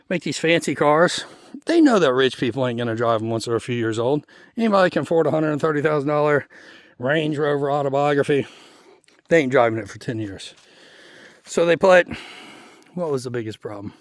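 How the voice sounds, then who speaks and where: A man's voice: medium pitch, no room sound. Winded man rambling outdoors. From Kentucky. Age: 40s. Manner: rambling, folksy, blunt. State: out of breath. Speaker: homesteading vlogger. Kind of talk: casual vlog monologue while walking. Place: outdoors on a homestead.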